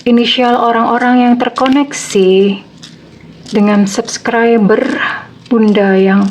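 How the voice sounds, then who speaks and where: A woman's voice: a little high, fairly even intonation, slow pace, a little mellow, slight background noise. Chatty woman doing a tarot reading. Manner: chatty, repetitive fillers, acts out quoted lines. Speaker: tarot reader. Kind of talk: casual tarot reading to viewers.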